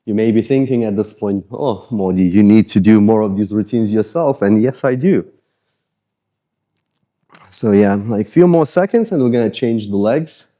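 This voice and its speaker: A man's voice: on the low side, moderate pace, lo-fi sound. A man with an Eastern European accent, a fitness coach casually guiding a follow-along mobility routine, sweaty just after a workout and joking about his own tight muscles. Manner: casual, self-deprecating, relaxed coaching.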